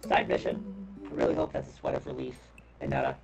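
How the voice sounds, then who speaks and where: Very deep gravelly man streaming a game. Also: wildly swooping pitch, fast talker, heavy background noise. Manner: laughs often, voices daughter and dad lines, swears casually. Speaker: streamer playing a dating game. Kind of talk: casual game commentary, reading dialogue aloud. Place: home streaming setup. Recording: lo-fi stream audio with game music.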